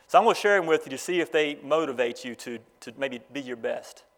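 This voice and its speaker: At a graduation, a man tells stories in a folksy style and reads from the Bible, speeding up and slowing down as he goes. His voice is mid-range and expressive.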